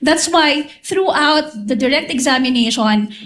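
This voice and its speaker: A woman's voice: high voice, unhurried, fairly bright tone. A woman with a Filipino accent arguing formally as a defense lawyer, insistently raising objections and restating her points. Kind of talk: formal legal argument.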